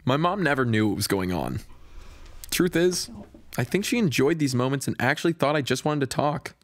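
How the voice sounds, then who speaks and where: A young actor playing a social media star, narrating a comedy series in a wry, matter-of-fact confessional way. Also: male voice, medium pitch, lively intonation, moderate pace, no echo. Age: young adult.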